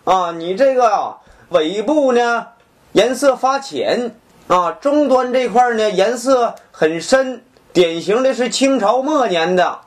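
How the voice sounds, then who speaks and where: A young man delivers a comic antique appraisal. He stays deadpan and mock-authoritative, pausing between short phrases as if giving an expert verdict. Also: very high voice. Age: young adult. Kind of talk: mock appraisal comedy skit.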